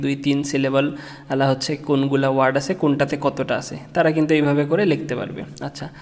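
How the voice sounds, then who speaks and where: Casual tutorial instructor, male, somewhat high voice, hesitant delivery full of fillers, echoing room. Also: darkish tone. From Bangladesh. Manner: halting, many fillers and restarts. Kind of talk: casual screen-share tutorial. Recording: long reverb room.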